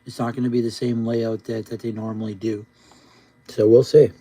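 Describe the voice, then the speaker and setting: A man's voice: mid-range voice, level tone, normal speed, mellow, breathy edge, low-quality recording. A man live streaming casual, rambling chat in a laid-back stoner drawl, often repeating himself. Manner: repetitive, rambling.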